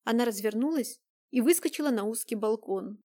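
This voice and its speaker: A woman narrating an audiobook in a measured, even storytelling manner. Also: a little high. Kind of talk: scripted narration.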